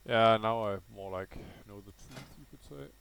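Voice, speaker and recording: The recording is rough, with a little hiss or hum, as a Danish-accented gaming video host from Denmark, a native Danish speaker, thinks aloud through casual, unscripted gameplay. His voice is fairly low, creaky, and a bit bright at a moderate pace, and he hesitates and corrects himself as he goes.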